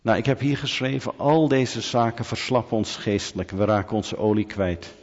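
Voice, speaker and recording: A pastor preaching a sermon, telling lively stories with humorous asides and questions to the congregation. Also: male voice, on the low side, moderate pace, big-room sound, highs cut off.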